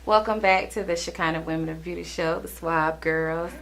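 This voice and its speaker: Low-voiced woman talk show host. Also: steady tone, moderate pace, gravelly, over loud music. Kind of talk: conversational talk show hosting.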